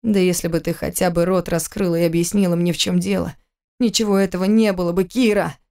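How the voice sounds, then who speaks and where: A woman reading an audiobook, voicing a brooding estranged husband who talks in a low, growling, resentful way. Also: steady tone, fairly quick, darkish tone, close to an everyday voice.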